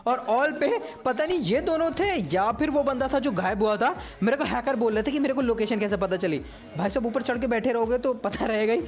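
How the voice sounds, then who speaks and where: A man's voice: very high-pitched, fairly quick. Chatty man commentating a mobile game. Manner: chatty, teasing, keeps saying "bhai sahab". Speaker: gaming YouTuber commentating his own match. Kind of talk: casual gameplay commentary.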